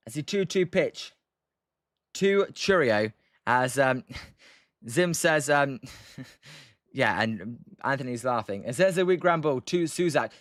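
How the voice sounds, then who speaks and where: Live-streaming, a young British man chats about the game between replies to his viewers, rambling hesitantly and leaning on um and uh. His voice is fairly high and fairly bright, with clean studio sound and no room sound.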